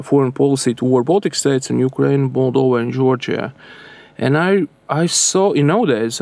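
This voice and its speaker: A man's voice: medium pitch, vocal fry, a little mellow, no room sound. Latvian-accented man explaining, dry close sound. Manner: earnest, analytical, non-native phrasing. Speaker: foreign policy researcher, interview guest. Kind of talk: explanatory interview answers.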